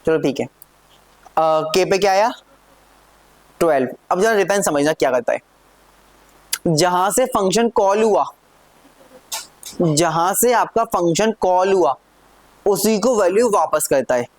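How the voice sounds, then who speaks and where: A man's voice: high voice, animated, measured pace, long pauses, no echo. Man teaching code with frequent check-in questions. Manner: checks in often with questions to students. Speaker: programming teacher. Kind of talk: live classroom coding lesson.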